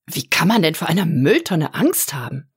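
A woman voicing Max, a patient boy who calmly coaxes a frightened dragon in a storybook reading. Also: sits low, normal speed, breathy edge, no room sound, clean studio sound, full character voice. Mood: coaxing. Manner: patient, coaxing.

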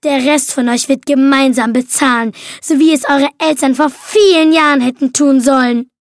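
A woman's voice: steady tone, moderate pace, dry recording, clean studio sound, close to an everyday voice. A woman reader voicing a vengeful, cold young woman who mocks her captives in an audiobook. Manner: icy, mocking, shrill when enraged. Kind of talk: audiobook reading.

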